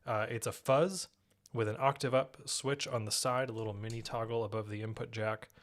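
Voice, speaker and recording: A man with a medium-pitched, steady voice and moderate pace demos guitar gear on a live stream. The podcast host talks casually through the pedal with loose explanations, rambling and self-corrections.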